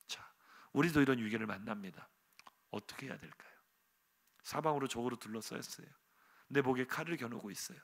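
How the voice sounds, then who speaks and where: Speaking fast at medium pitch, a middle-aged pastor tells a story to his congregation in a church sanctuary with animated energy. He pushes it along with sudden loud exclamations and rhetorical questions.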